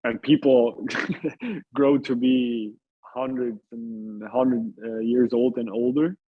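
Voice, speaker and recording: An Italian man speaks slowly as an interview guest in a casual chat, his medium-pitched voice holding a steady tone. He sounds hesitant and repeats his phrases, and the audio has a thin, phone-like quality.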